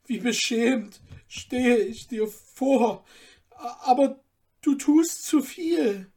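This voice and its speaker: A poor young student, choked up with tearful gratitude, as a woman reading aloud puts him on. He speaks high and pleading, with emotional emphasis. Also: animated, takes it slowly, dark tone.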